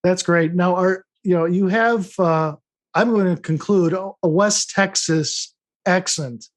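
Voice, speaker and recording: Male podcast host, notably high voice, conversational interviewing style. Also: a little slow.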